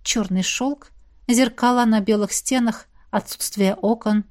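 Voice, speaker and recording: A woman narrating a fantasy romance audiobook in an even storytelling manner. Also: a little high, measured pace.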